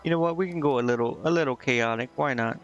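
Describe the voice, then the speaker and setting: With a quick pace and mid-range voice, a man streams a game, offering casual comments and haltingly reading dialogue while tripping over words. Game music plays, and the recording sounds slightly muffled.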